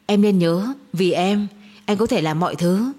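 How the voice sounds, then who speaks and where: A cold, manipulative young man, read by a woman narrator, speaking calmly and smugly in an even tone. The husky, breathy voice stays flat and unbothered. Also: medium pitch, moderate pace, natural voice. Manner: calm, smug, flat.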